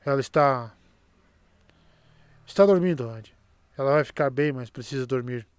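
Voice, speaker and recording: A man reading the lines of a calm, commanding sorceress in a measured, curt way. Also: medium pitch, smooth, dry recording, close to an everyday voice. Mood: calm firm. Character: calm commanding Aes Sedai woman.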